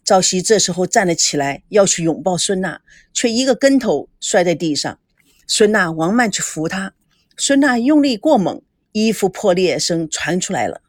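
A woman narrates an audio drama in an expressive, animated way, her pitch moving widely. The voice sounds dry and close. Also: moderate pace, no echo. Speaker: storyteller.

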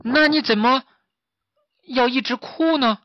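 A man's voice: extremely high pitch, a little slow, no room sound, muffled recording, voice pushed up. A man voicing a brave, cheeky little boy piglet in a storybook, bold and teasing.

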